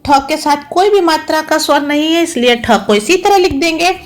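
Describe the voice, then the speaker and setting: A woman teacher giving an online lesson to young schoolchildren, spelling out each sound slowly and repeating words patiently. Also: high voice. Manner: slow, careful, spelling out each sound and syllable.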